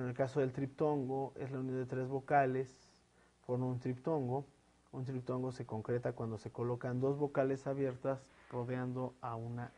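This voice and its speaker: Profesor que explica con muchas muletillas. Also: male voice, mid-range voice, dark tone. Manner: explanatory, with frequent fillers "eh" and "este" and tag "¿no?". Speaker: teacher. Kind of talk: recorded online lesson.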